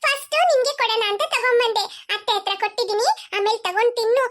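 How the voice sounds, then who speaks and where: A woman's voice: very high-pitched, fast talker. Woman doing chatty bold cartoon girl Achu. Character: lively outspoken young girl. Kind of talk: cartoon voice acting. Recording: loud background music.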